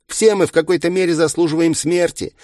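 A man's voice: a little high, steady tone, fairly quick, a little mellow, dry recording, studio quality, pitched above the performer's own voice, lightly acted. A man voicing a gleeful, mocking murderous villain in a taunting, singsong manner. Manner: taunting, singsong, cruelly playful.

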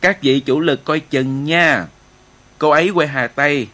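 A man's voice: medium pitch, unhurried, fairly bright tone, natural voice. A man voicing a proud male relay station chief who speaks formally with small hesitations. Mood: teasing.

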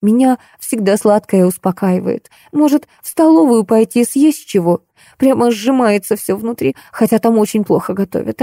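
A woman's voice: fairly high pitch, warm tone, dry recording, clean studio sound, voice pushed up, lightly acted. A woman reading an audiobook, voicing a plump, weepy young office clerk who grumbles plaintively.

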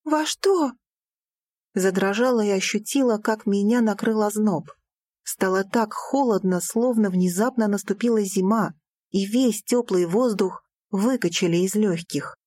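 A woman reading a first-person audiobook aloud, expressive and lifting her voice for the heroine's lines. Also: medium pitch, moderate pace, no room sound, studio quality. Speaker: audiobook narrator.

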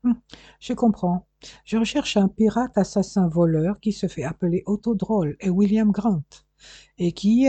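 A reader doing a calm, wary English detective. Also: medium pitch, husky, no echo, pitched above the performer's own voice, lightly acted. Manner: calm, measured. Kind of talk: audiobook dialogue.

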